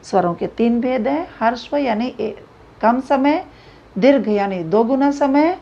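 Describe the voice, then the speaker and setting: A woman teacher giving a grammar lesson, explaining slowly and repeating examples aloud. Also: fairly high pitch, lively intonation, vocal fry, slight background noise. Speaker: Hindi teacher. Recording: dull lo-fi recording.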